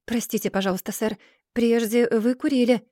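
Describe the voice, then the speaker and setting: A woman's voice: on the high side, steady tone, normal speed, mellow, no echo, studio quality, lightly acted. A woman voicing a timid, humble young man who speaks meekly and politely, with a stammer.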